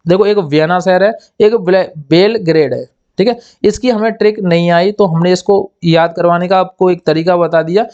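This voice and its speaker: Male exam tutor, high voice, repeats and quizzes himself, slightly dull lo-fi audio. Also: moderate pace, few pauses, darkish tone. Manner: repetitive, asks and answers own questions; acts out little scenes in quoted voices. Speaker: exam coaching teacher. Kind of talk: explaining memory tricks.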